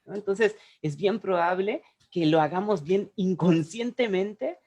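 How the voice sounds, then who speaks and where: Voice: mid-range voice, measured pace, darkish tone. A co-host of a webinar on the speaking voice, talking reflectively, searching for words and correcting itself along the way, over a video call.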